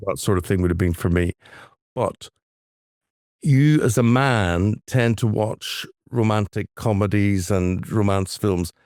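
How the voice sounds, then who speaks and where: Man, middle-aged, lowish voice, easygoing, dry sound. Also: a little mellow, no room sound. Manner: easygoing, halting restarts. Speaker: podcast co-host. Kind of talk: casual chat.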